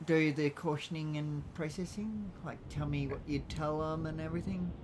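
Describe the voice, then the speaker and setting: A man's voice: fairly high pitch, fairly even intonation, moderate pace, a little mellow. A man playing a senior officer in an online roleplay, giving casual, hesitant instructions to a trainee. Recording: faintly noisy game voice chat.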